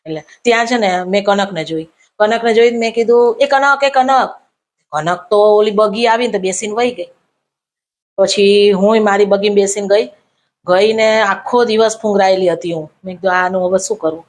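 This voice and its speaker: A woman's voice: medium pitch, steady tone, brisk, a little mellow. Woman, comic storyteller, mid-range voice, acts out her anecdotes. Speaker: comedian storyteller.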